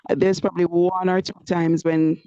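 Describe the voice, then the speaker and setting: A woman teacher giving parents an update over an online group call, praising them warmly with frequent "you know" fillers. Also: lowish voice, flat delivery, moderate pace, clear, resonant tone, no echo. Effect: online group call audio, connection breaking up. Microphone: computer or phone mic on a video call. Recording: muffled, lo-fi video call audio.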